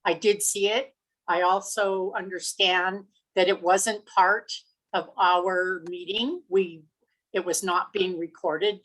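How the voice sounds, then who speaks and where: A woman county commissioner speaking in a public meeting, measured and halting but firm in her position. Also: lowish voice, fairly bright tone, rough recording.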